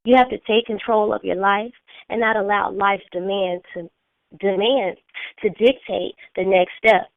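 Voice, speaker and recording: Steady in tone and measured in pace, a woman with a medium-pitched voice hosts a motivational call on a phone conference line. She's earnest and coaching, repeating key phrases, though a sinus infection leaves her slightly scratchy, and the recording is dry and tinny.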